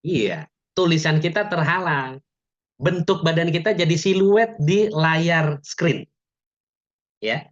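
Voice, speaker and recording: A man's voice: fairly high pitch, takes it slowly, long pauses. A man teaching public speaking in an online webinar, chatty, with joking asides and frequent "ya" tags. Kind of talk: webinar lecture. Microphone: video call. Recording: dull lo-fi webinar audio.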